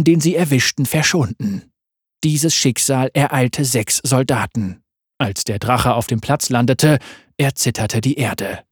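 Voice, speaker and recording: A man narrating a fantasy story aloud in a steady reading voice. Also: mid-range voice, breathy edge, no room sound, studio quality.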